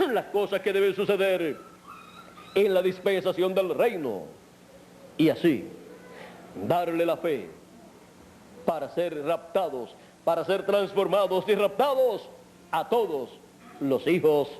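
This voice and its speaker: A man delivering a measured sermon, with deliberate, drawn-out phrasing and long pauses. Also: fairly high pitch, a little mellow, slight background noise. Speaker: preacher. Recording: old sermon recording.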